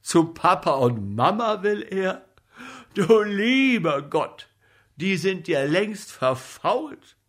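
Man putting on a loud excitable comedian, high and fussing, lively swings. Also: slow, full character voice. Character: agitated boozy male comic actor, fussing friend.

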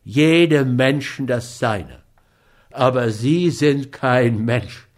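A man voicing a stern, forceful man who gives orders and threats in a loud, firm voice. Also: mid-range voice, takes it slowly, lightly acted. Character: commanding, stern adult man, mining expert.

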